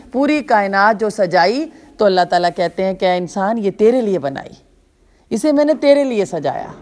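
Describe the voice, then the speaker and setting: A woman's voice: mid-range voice, a little mellow. A woman giving an Islamic lecture to young women. She talks in an emphatic, preacherly way, with rhetorical questions, repeated phrases and long spoken lists.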